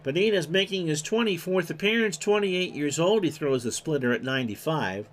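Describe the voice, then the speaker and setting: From a home streaming setup, a man calls play-by-play for a replayed baseball game, rattling off stats in clipped lists and erupting on big plays. His voice is fairly high, animated, and a little fast.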